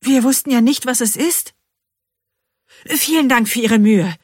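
Woman voicing a shrill, flustered young woman. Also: big pitch swings, a bit bright, no echo, studio quality. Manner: shrill, hurried.

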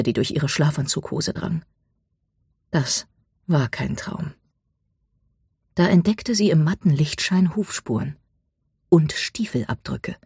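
Audiobook narrator, very husky, mid pitch, dry close sound, dramatic storytelling. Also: dry recording. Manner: dramatic storytelling, drops to a hush for tense moments.

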